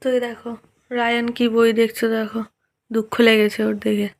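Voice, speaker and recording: A woman's voice: a little high, flat delivery, normal speed. Coaxing mother chatting in a home vlog. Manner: coaxing, repetitive talk to her small son. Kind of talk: casual vlog chat. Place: home at night.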